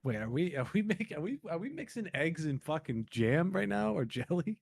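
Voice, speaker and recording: A man's voice: on the high side, sing-song, normal speed, gravelly, a little hiss or hum. A man playing along with a streamer, chatting bluntly and crudely with lots of laughter. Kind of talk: casual gaming chat.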